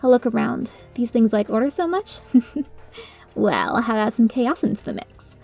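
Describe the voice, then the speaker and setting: A woman's voice: on the high side, lively intonation, normal speed, creaky, a little mellow. A woman reading a first-person story as its narrator, in a dramatic storytelling style. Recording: music under the voice.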